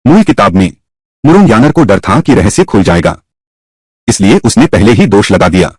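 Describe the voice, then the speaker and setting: A man's voice: fairly low pitch, big pitch swings, moderate pace, darkish tone, husky, no room sound. A man narrating and recapping a dubbed drama story.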